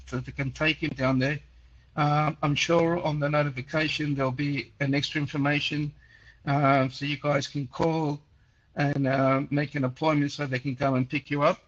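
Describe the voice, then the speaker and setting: A man in his sixties who grew up in Chile and is nearly deaf hosts a casual call-in, answering listeners. His somewhat high, a bit bright voice rambles with repeated words and frequent "uh"s and "um"s, and the audio is muffled and lo-fi.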